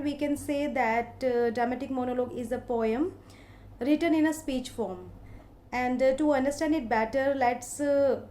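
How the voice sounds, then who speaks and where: A woman from India with an Indian English accent, giving a literature lecture in a slow, explaining way with many hesitant fillers. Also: sits high, warm tone, a little hiss or hum. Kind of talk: recorded lecture.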